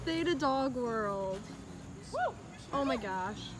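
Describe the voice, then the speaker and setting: A young American woman with a bubbly, excitable sorority-girl manner, chatting casually into a handheld phone for a vlog. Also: fairly high pitch, slow. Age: young adult. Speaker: student vlogger, sorority member. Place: dorm rooms, outdoors on campus. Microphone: handheld phone at arm's length. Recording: loud music and crowd, handheld phone.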